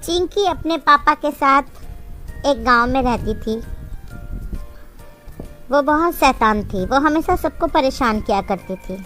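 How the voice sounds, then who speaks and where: Slow sing-song cartoon storyteller. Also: high voice, expressive, music in the background. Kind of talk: children's cartoon narration.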